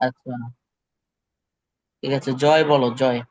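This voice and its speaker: A man's voice: medium pitch, steady tone, a little slow, darkish tone, no echo. A male English teacher, leading an online pronunciation drill and patiently repeating words for students. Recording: dull lo-fi online call audio.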